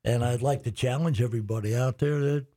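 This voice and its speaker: A man's voice: mid-range voice, fast, mellow. A man, a pastor co-hosting a talk show, speaking in a folksy, preacherly way with light humor. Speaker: pastor and co-host. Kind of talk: casual chat.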